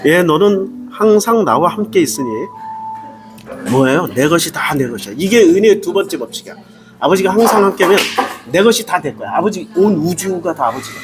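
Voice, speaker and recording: Pastor, man, middle-aged, emphatic and emotional delivery, high voice, music bed underneath. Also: expressive, fast. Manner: emphatic, rhetorical questions, emotional. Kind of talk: sermon. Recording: music playing behind.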